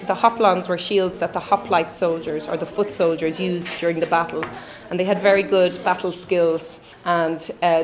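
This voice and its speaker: A woman teacher explaining a lesson informally. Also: fairly low pitch. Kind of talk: classroom explanation.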